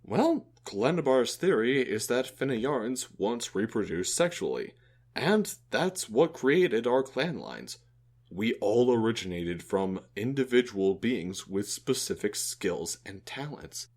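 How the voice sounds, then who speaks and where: An earnest, reflective male alien explains his views in an audio drama, voiced by a man. His delivery is lively, and his pitch rises and falls freely as he talks. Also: slow pace. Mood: calm. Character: thoughtful male alien who befriended a human.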